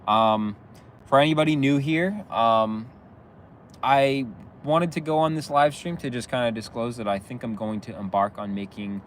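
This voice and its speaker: Standing outside across from a police station, a sniffly young YouTuber with a slight cold rambles through a casual phone live stream. He speaks in a mid-range voice at a moderate pace over slight background noise. His manner is laid-back, peppered with "like" and "bro," and he laughs easily with his viewers.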